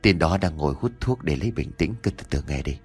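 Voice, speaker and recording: A man voicing a calm senior officer who speaks quietly and steadily. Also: very deep voice, breathy edge, soft background music, pitched below the performer's own voice, exaggerated voice. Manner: quiet, measured.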